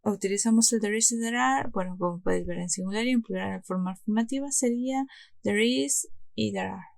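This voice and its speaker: A woman teaches an English lesson, moving patiently through grammar rules and pausing to restart her phrases. Her voice has a gravelly, fried edge at a middle pitch. The sound is close and dry, with no room around it. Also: dry recording. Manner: explains step by step, many restarts, reads English examples slowly.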